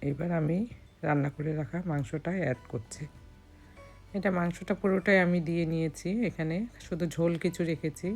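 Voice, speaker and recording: A hoarse woman from Bangladesh gives calm step-by-step recipe narration as a cooking vlogger. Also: low voice, brisk, faint music behind.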